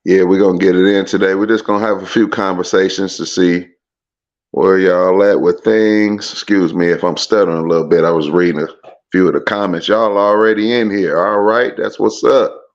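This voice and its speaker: A man's voice: deep voice, fairly even intonation, moderate pace, dull audio. A man hosting a podcast in a laid-back casual chat, using loose slang and stumbling over his words now and then. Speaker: podcast host.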